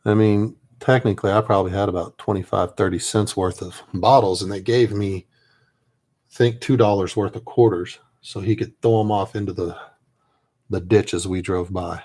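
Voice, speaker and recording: Man, low voice, soft-spoken, rambling, casual chat while painting miniatures. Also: fairly even intonation, normal speed. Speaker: miniature painter and army veteran.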